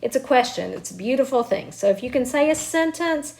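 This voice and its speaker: A woman's voice: high voice, expressive, brisk, vocal fry, darkish tone, slight background noise. A woman teaching a recorded remote grammar lesson from her home. She explains patiently, step by step, and encourages her students. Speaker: Spanish teacher. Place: at home with children nearby.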